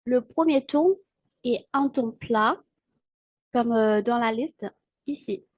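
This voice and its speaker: A woman teaching pronunciation in French, patient and hesitant, with many filler pauses. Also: fairly high pitch, darkish tone, slightly rough, no room sound, dull audio. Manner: models syllables slowly for repetition. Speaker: Mandarin teacher. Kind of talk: language lesson.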